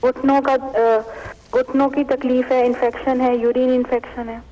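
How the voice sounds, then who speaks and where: A woman's voice: high-pitched, little pitch movement. A woman calling in to a show, speaking hesitantly with restarts. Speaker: caller. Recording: dull phone line with echo.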